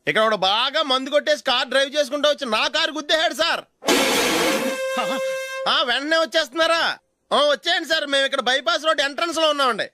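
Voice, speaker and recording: A sly wheedling driver. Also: male voice, very high-pitched, fast, bright, forceful tone, faint music behind, heavily acted. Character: smooth-talking male driver after a car crash. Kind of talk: film comedy scene.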